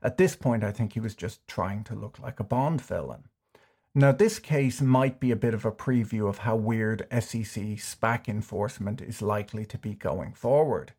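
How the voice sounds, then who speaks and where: Man, scripted finance explainer, deadpan, wry jokes. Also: medium pitch. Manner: dry, wry deadpan humor. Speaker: YouTube finance commentator.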